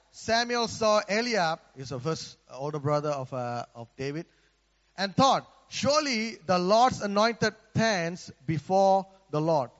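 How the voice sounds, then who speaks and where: Heard with a long reverb tail and lo-fi sound, this high-voiced man from Malaysia delivers a sermon in his Malaysian accent. His style is conversational, with repeated words and frequent calls for the congregation to say amen.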